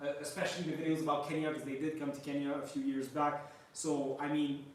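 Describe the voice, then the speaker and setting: Talking fast and flatly in a fairly high voice, a young French Canadian man from Montreal, whose native language is French, chats loosely on his travel livestream while answering viewer questions. He rambles, restarts and leans heavily on "like." The sound is distant and off-mic, with room echo and faint noise.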